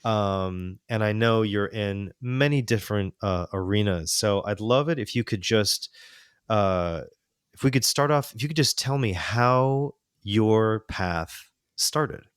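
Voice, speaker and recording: Low-voiced, halting man podcast host. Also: clean tone, no room sound, clean studio sound. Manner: halting, many fillers and restarts, effusive. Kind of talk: podcast interview.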